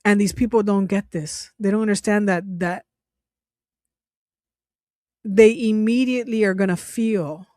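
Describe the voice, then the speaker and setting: A woman's voice: medium pitch, fairly even intonation, unhurried, pauses often, warm tone, no room sound, clean studio sound. A woman hosting a casual commentary vlog, talking in a profane, incredulous way, laughing often and rambling with many restarts. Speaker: channel host.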